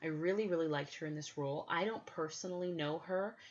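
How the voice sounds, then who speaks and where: A woman's voice: sits low, a little fast. A woman co-hosting a podcast, chatting with enthusiasm in a casual way. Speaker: podcast co-host. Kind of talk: casual chat. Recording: dull lo-fi recording.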